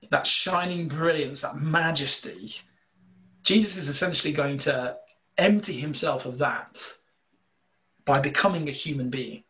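A man with a slight northern English accent, explaining scripture in a relaxed discussion, earnest and full of fillers. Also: fairly high pitch. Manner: earnest, explanatory, thinking aloud with many fillers. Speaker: bible teacher. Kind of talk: casual theological discussion.

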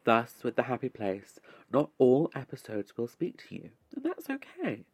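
A man hosting a scripted relaxation podcast, speaking in a measured, deliberate way with arch, formal phrasing and dry wit. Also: medium pitch, vocal fry, husky, dry recording. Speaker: podcast host.

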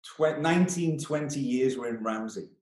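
A man's voice: medium pitch, normal speed, darkish tone. Male podcast guest, Isle of Man accent, conversational, recorded over a roomy video call. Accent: Manx (Isle of Man). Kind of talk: casual interview chat.

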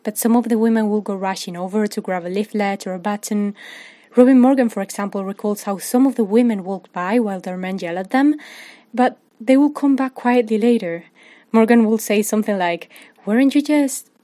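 A woman giving scripted documentary narration, telling the story in a lively way with rhetorical questions to the listener. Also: mid-range voice, a little fast, no echo.

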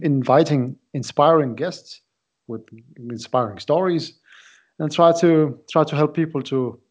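A man in his late twenties who grew up in Iraq, speaking as a podcast guest. He talks haltingly and repeats words while he looks for the next one. His voice sits at a middle pitch and comes through dull, lo-fi audio. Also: darkish tone. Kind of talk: casual interview talk.

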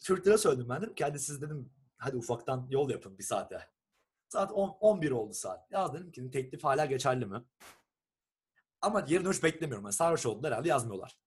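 A young man from Turkey, telling a long story in a casual, animated chat and acting out what people said. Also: mid-range voice, quick pace, slightly rough. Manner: animated storyteller who acts out quoted texts and swears casually.

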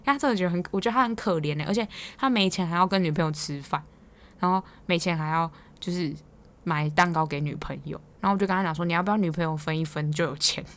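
Fast-talking young Taiwanese woman. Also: fairly low pitch. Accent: Taiwanese Mandarin. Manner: chatty, teasing, quick to laugh. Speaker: podcast host. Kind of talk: casual storytelling monologue.

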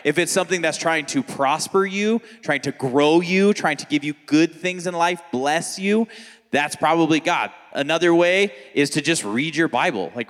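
A man in his thirties, a pastor on a question panel, explaining calmly in a soft-spoken way. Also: a little high, in a large hall. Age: 30s. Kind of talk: panel Q&A teaching.

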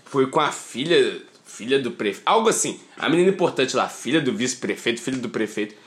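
A man's voice: mid-range voice, big pitch swings, fast, a bit bright. A man around thirty, a guest telling laughing anecdotes and acting out both sides of the dialogue. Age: 30s.

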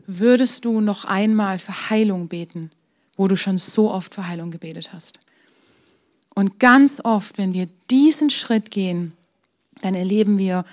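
Woman preaching a candid sermon. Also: medium pitch. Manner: personal, candid storytelling with frequent laughs and quiet asides. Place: church service.

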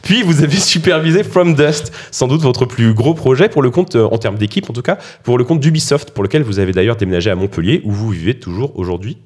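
Fast-talking man reading a scripted introduction. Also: medium pitch, lively intonation, darkish tone. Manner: brisk, self-mocking asides between scripted lines. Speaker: podcast host. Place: studio or room around a table.

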